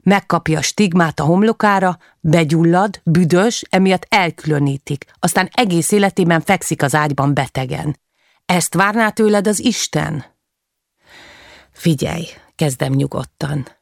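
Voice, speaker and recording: Creaky-voiced woman reading a novel. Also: lowish voice, no echo, studio quality. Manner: calm, measured storytelling with short clipped sentences. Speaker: audiobook reader. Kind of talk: first-person novel reading.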